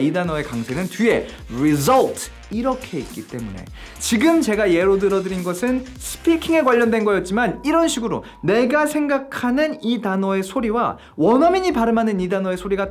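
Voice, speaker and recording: Lively English teacher explaining to viewers. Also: mid-range voice. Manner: explains step by step, poses questions to viewers. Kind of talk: video English lesson.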